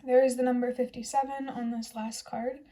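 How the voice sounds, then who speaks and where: A young woman giving a casual, reassuring tarot reading to her viewers in a gentle, chatty way. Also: on the high side, flat delivery, a little fast. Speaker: tarot reader.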